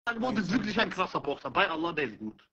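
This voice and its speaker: A man's voice: sits high, sing-song, fast, lo-fi sound, a crowd in the background. A man bantering casually on a phone livestream, teasing and slangy, with Arabic interjections. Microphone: phone, video call livestream.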